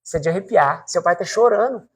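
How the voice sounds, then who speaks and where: A man with a Brazilian accent giving a spiritual reflection talk, swinging his pitch, slowing down for emphatic repetitions and asking the audience direct questions. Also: expressive, husky. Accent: Brazilian Portuguese. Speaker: spiritual speaker.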